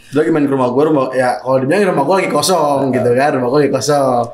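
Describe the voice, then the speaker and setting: A man's voice: mid-range voice, rapid-fire, darkish tone, reverberant. A young man with telling a story casually, repeating phrases and acting out quoted lines. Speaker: guest.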